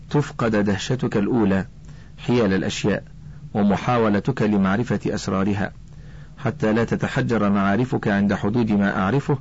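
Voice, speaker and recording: A kindly, wise old botanist talks slowly and gently to a young pupil, as a male storybook narrator puts him on. His voice sits low and mellow. The recording sounds dull and lo-fi. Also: creaky, a little hiss or hum.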